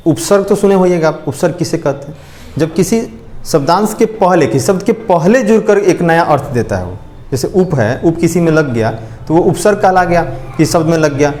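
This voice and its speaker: A man's voice: on the high side, lively intonation, a little fast, a little mellow, echoey room. A male teacher giving a lesson, often repeating points and asking questions to check understanding. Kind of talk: classroom lecture.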